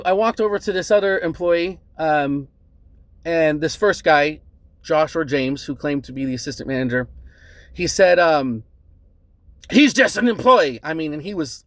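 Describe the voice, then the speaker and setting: A man calmly recounting a bad encounter as a customer, earnest and measured, often adding "right?" and "um". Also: a little high, dry recording. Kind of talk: casual spoken account to camera.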